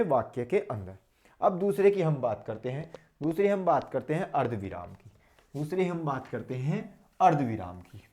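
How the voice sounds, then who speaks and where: A man with a fairly high voice teaches a grammar class for exam students, speaking with a North Indian Hindi accent. He repeats each key term several times and stops to ask whether the point is clear. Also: darkish tone. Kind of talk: exam-prep grammar lesson.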